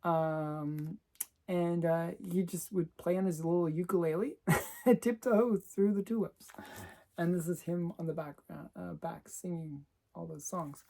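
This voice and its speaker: Mellow-voiced woman chatting about her comics. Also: fairly low pitch, little pitch movement, unhurried, creaky. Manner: chatty, laughs often between remarks. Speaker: comic collector showing her collection. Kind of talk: casual show-and-tell chat.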